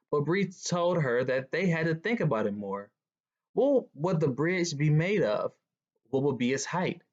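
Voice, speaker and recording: In a slightly dull lo-fi recording, a guest reader with a middle-pitched voice reads a picture book aloud to a group of children.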